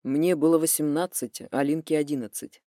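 Low steady young guy, blunt and calm, dark mellow tone , a woman reading him. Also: a little fast, dry recording, clean studio sound, lightly acted. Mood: quiet steady. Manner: level, even, understated delivery.

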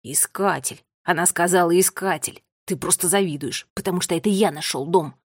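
A woman doing Finn, a hushed brash boy. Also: fairly low pitch, a little fast, husky, no room sound, studio quality, voice pushed down. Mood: defensive. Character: boy sibling, brash, defensive, boastful.

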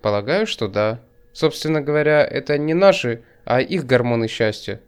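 A man narrating an audiobook in a measured, wry literary reading, also speaking as the first-person hero. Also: mid-range voice, expressive, smooth. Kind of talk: scripted narration.

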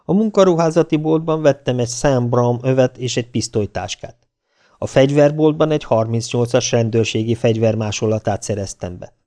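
Male audiobook narrator, wry first-person telling, mid pitch. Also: mellow.

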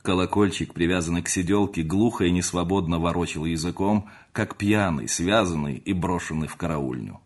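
A man narrating a classic novel as an audiobook, measured and expressive. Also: sits low.

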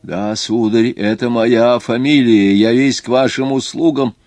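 A man's voice: mid-range voice, fairly even intonation, a little slow, a little mellow, no room sound, voice pushed up, natural voice. A man reading an audiobook, voicing a fussy, anxious Swiss watchmaker who takes offence easily.

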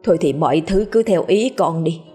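A woman's voice: fairly low pitch, lively intonation, fairly quick, mellow, husky, faint music behind. A woman doing a tearful old grandmother. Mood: resigned. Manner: tearful, imploring. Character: grieving old grandmother, frightened and pleading.

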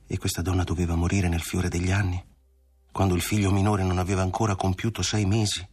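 A man voicing a gentle, grieving young woman in a literary audiobook, with a soft, tender delivery. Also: sits low, flat delivery, quick pace, slightly rough, faint music behind. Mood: sorrowful.

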